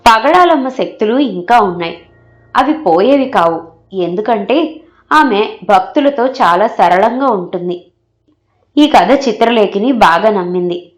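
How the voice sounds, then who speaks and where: A woman narrating a folk tale in a steady, measured storytelling voice. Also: mid-range voice.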